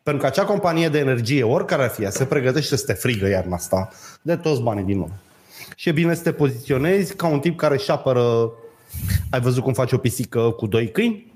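A man's voice: medium pitch, animated, a little mellow. A man talking casually and animatedly, ranting in slangy speech. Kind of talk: casual chat.

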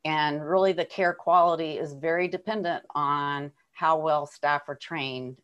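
A woman's voice: low voice, steady tone, a little slow, a bit bright, smooth, highs cut off. A woman guest on a radio interview, explaining her work earnestly. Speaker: guest, dog business coach.

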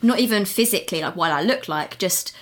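A woman in her twenties, a new mum talking openly and with animation as a podcast guest. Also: mid-range voice. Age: 20s. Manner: open, animated, quick with asides. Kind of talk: candid interview chat.

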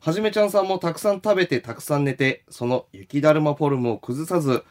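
A man's voice: fairly high pitch, fast talker. A man reading listener letters aloud on a radio show in a dry, matter-of-fact way. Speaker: reads listener mail on the radio.

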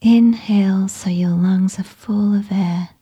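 A woman whispering a slow, soothing guided meditation with gentle instructions. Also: mid-range voice, steady tone, husky, dull audio.

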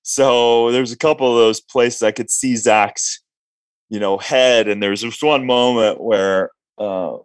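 A man's voice: medium pitch, fairly even intonation, a little slow, clear, resonant tone, no echo. A man from Minnesota, a guest talking casually in an interview, rambling with many restarts and fillers. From Minnesota, USA.

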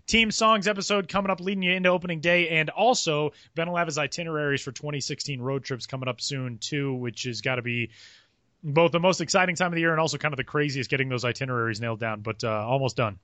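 Thirty-ish guy hosting a podcast, bright forceful voice, jokey and quick, dry close mic. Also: a little high, no room sound. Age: 30s. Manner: joking, upbeat, quick banter. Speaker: podcast host. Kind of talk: casual podcast chat.

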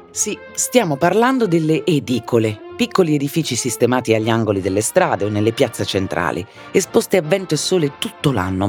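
Male narrator, mid pitch, animated, ironic storytelling over soft background music. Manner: theatrical, lively storytelling with ironic asides.

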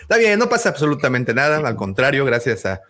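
Rambling Mexican podcast host. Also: male voice, medium pitch, big pitch swings, fast, pushed and bright. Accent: Mexican Spanish. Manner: rambling, full of fillers and restarts. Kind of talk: casual podcast chat.

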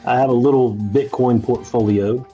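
A man who runs an IT business talks as a podcast guest, easygoing and agreeable. His voice is husky and comes through dull, lo-fi audio. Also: medium pitch, fairly even intonation, moderate pace, warm tone, soft background music. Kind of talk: casual interview.

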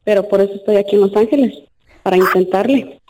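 A woman's voice: mid-range voice, fast, mellow. A woman from Mexico, an aspiring actress talking on a phone call in a polite, earnest way. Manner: polite, earnest, growing impatient. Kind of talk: phone conversation.

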